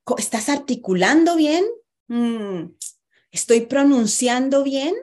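A woman's voice: high voice, expressive, slow, a little mellow. A woman coaching writers on body language in an online masterclass, speaking emphatically and addressing her listeners directly.

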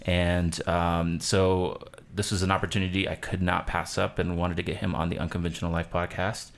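A man's voice: low-pitched, level tone, normal speed, vocal fry. A man hosting a podcast, introducing his guest in a loose, rambling way with many ums. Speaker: podcast host. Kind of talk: casual chat. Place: cabin.

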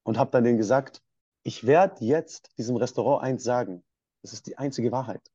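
A man's voice: mid-range voice, moderate pace, warm tone, slightly rough, no echo, highs cut off. A man from Swabia in Germany, a podcast guest telling his personal story in a passionate, emphatic way.

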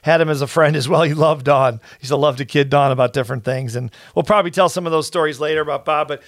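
A middle-aged man hosting a podcast, telling a story in an earnest, animated way with frequent restarts. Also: on the high side, fast talker, no echo, studio quality. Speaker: podcast host. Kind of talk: casual storytelling.

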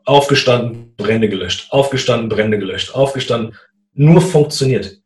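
A man in a casual conversation, telling a personal story in a lively way and acting out what people said. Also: mid-range voice, normal speed, roomy sound. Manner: animated, acts out quoted dialogue. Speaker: guest telling his story.

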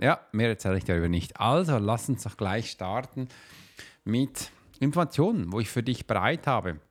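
A man hosting a solo podcast, talking casually and encouragingly straight to the listener as a coach. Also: fairly low pitch. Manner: informal, chatty and encouraging, addressing one listener familiarly.

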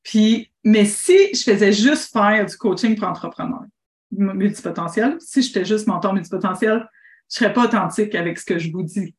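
A woman with a Québécois accent, a business coach hosting a call-in show, talking in an animated, rambling way full of restarts. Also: medium pitch, normal speed, reverberant. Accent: Québécois French. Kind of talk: casual call-in coaching talk.

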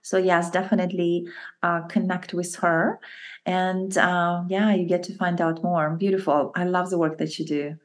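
A woman hosts a casual business podcast interview in a fairly low voice. She chats and encourages her guest, leaning on plenty of fillers as she talks. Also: level tone, moderate pace. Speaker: podcast host.

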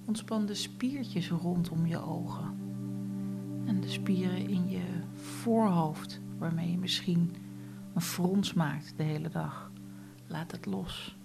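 A woman guiding a relaxation meditation, speaking softly and often in a whisper. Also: fairly low pitch, steady tone, gravelly, over music. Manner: slow, soft, often whispered instructions. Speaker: meditation guide.

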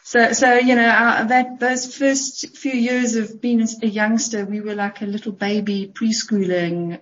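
A woman's voice: on the high side, steady tone, a little slow, fairly bright tone. Middle-aged South African woman guest, reflective, slightly muffled, faint noise behind. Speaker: podcast guest. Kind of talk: casual interview chat.

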